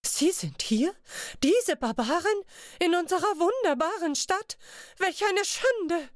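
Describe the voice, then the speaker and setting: A woman voicing a fussy, haughty male merchant with a high, shrill voice in an audiobook. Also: expressive, slow, no echo, clean studio sound, heavily acted. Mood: indignant, fussy. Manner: shrill and indignant. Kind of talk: audiobook character voice.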